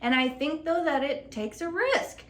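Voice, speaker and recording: A young woman with a bright, fairly high voice thinks aloud on a podcast and teases her co-host now and then. Her words come loosely, with plenty of "like," and the room is echoey. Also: lively intonation, a little slow. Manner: reflective, teasing, says "like" often. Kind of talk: casual chat.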